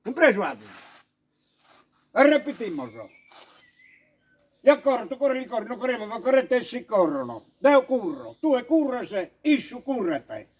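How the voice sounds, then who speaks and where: Man playing a gruff country villager, sardinian accent, high voice, scolding shouts. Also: very animated, measured pace, long pauses, heavily acted. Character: gruff rustic mountain villager, proud of his dialect.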